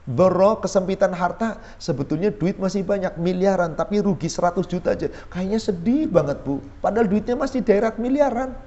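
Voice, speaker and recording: High-voiced man preaching. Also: warm tone, lo-fi sound. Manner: asks the audience questions and answers them; chants Quranic verses slowly. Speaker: ustadz preaching to a women's study group. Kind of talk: sermon. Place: small neighborhood prayer room.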